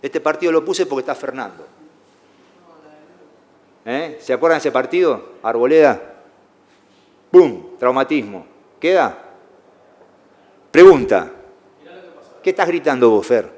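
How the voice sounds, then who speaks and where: A man with a Rioplatense Spanish accent lectures young referees in a classroom style, explaining patiently and pausing to check in with the room. His voice sits at an ordinary middle pitch. A long reverb trails from the lecture hall. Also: expressive, a little mellow. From Argentina. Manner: explanatory, keeps checking in with "¿eh?" and "fíjense". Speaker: sports medicine lecturer.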